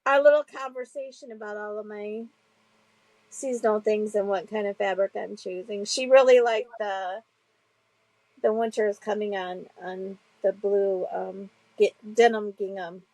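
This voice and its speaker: A woman co-hosting a casual chat, talking chattily and hesitantly with many pauses and fillers. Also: medium pitch, fairly even intonation, a little mellow, no room sound, low-quality recording. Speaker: co-host.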